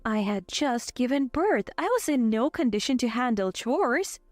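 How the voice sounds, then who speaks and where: A young woman in her twenties tells a first-person story in a scripted, even, steady way. Her voice is fairly high and close to the mic, with a dry sound and soft music playing behind her. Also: moderate pace, no echo. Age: 20s. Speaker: narrator.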